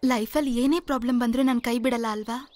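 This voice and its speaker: A woman's voice: fairly high pitch, fairly even intonation, brisk, darkish tone, no room sound, natural voice. An actress playing an anxious, pleading young woman in love, in a film. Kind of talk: film acting.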